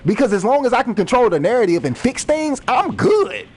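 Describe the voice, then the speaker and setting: A man's voice: very high voice, big pitch swings, fairly quick, a little mellow, a little hiss or hum. A man in his thirties, a rapper, rambling freely and swearing during casual gameplay commentary. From United States. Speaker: rapper and gaming streamer.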